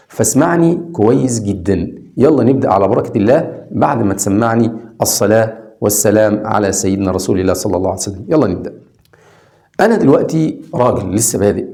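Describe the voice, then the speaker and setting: A male Egyptian Arabic speaker teaching English from scratch, with a mellow, gravelly tone. His pitch rises and falls a great deal as he poses questions and answers them himself. He repeats letter sounds slowly so learners can follow. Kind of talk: online lesson for beginners.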